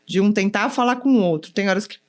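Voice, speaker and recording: A woman volleyball coach chatting in an interview, animated, often acting out what others said and tagging sentences with "né?". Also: medium pitch, fast talker. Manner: animated, acts out quotes, many "né?" tags. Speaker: volleyball coach, former pro player. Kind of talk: casual interview chat.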